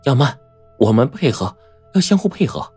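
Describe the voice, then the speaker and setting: A man voicing a sharp-tongued, quick-tempered young woman in an audiobook, scolding and switching suddenly from sweet to fierce. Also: medium pitch, big pitch swings, husky, soft background music, voice pushed up. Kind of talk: audiobook character voice.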